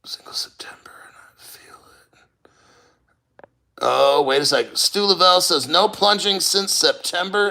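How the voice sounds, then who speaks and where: Casual livestream host, male, middle-aged, slightly high voice with a sharp forceful edge, loose-tongued and prone to swearing. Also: vocal fry. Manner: rambling, profane, halting. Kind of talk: casual livestream chat, reading viewer comments.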